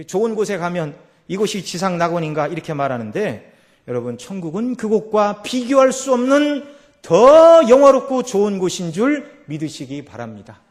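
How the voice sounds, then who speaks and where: A man preaching a Sunday sermon as pastor. He swings from quiet passages to loud, emphatic peaks and asks the congregation rhetorical questions. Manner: rising to loud emphatic peaks, then dropping low. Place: church sanctuary.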